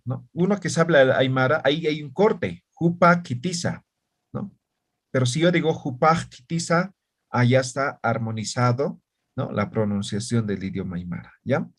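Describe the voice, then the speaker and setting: A man teaching an online language class, explaining patiently and often checking that students follow. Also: mid-range voice. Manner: slow, patient, checks understanding with "¿ya?" and "¿no ve?".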